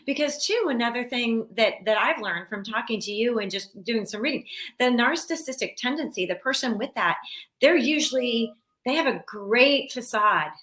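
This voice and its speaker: Engaged woman host, slightly high voice. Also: expressive, normal speed, a bit bright. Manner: engaged, agreeing, builds on the guest's points. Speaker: interview host. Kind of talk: conversational interview.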